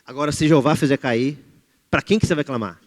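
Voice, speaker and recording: A Brazilian man preaching a sermon in a church, shifting between loud exhortation and hushed pleading. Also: a little high, fairly quick. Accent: Brazilian Portuguese. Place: church hall. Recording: reverberant church hall.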